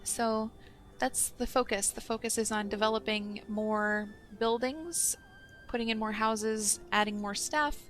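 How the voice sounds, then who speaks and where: A woman's voice: a little high, steady tone, measured pace, a bit bright, slight background noise. A young woman hosting a let's play, chatting casually and thinking aloud as she plays. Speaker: gaming channel host.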